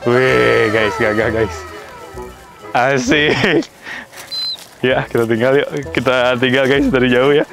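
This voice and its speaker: A man's voice: mid-range voice, slow pace, gravelly, pauses often, over music. Chatty man vlogging with his pet. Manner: chatty, excitable, keeps addressing viewers. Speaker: animal vlogger. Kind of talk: casual vlog chatter.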